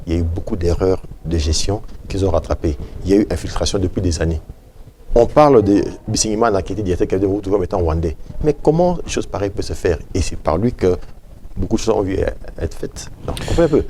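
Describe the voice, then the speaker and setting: A man's voice: sits low, fast talker, dark tone, a little hiss or hum. A man speaking French with a Congolese accent, a guest expert in a TV interview, talking emphatically and repeating his points. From Democratic Republic of the Congo. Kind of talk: studio TV interview.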